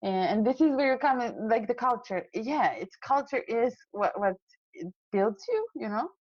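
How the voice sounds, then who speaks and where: Young woman guest from Serbia, idealistic, halting with fillers; muffled, dry audio. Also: fairly high pitch, lively intonation, a little mellow, no room sound. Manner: earnest, idealistic, frequent fillers and restarts. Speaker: guest, climate scientist. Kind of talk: casual interview talk.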